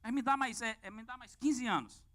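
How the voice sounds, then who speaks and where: A man's voice: very high-pitched, a little fast, fairly bright tone, pitched above the performer's own voice. A man voicing a busy husband who pleads and bargains with Death, as a comic retelling in a sermon. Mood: pleading.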